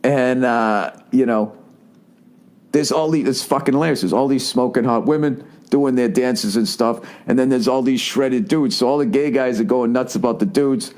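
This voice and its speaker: A man's voice: medium pitch, normal speed, darkish tone. Profane, rambling male comedian. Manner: conversational, checks in with the listener. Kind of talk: comedic podcast monologue.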